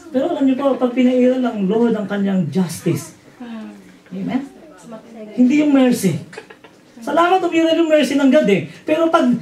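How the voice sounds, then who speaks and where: A man's voice: extremely high pitch, dark tone. A man with a Filipino accent preaching a sermon as pastor, mixing in English and often asking "Amen?" and "no?". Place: church hall. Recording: roomy hall audio from a distance.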